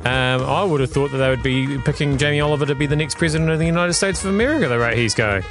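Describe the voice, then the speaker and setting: A man's voice: on the high side, quick pace. Kiwi guy doing dry jokey radio links, music going under him. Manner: dry, wry joking. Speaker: radio co-host. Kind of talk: comic radio segment links.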